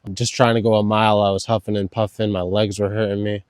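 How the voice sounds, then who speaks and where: A man's voice: on the low side, flat delivery, quick pace, no echo, clean studio sound. A man talking casually as a vlogger, telling his story and giving tips in a laid-back, slangy way. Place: outdoors in wind.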